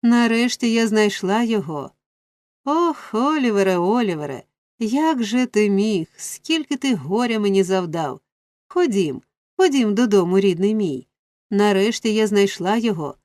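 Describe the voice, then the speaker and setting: A woman voicing a theatrical young woman who loudly wails and pleads in tears in an audiobook story. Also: mid-range voice, animated, measured pace, no room sound, studio quality, natural voice. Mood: wailing. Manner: wailing, pleading exclamations.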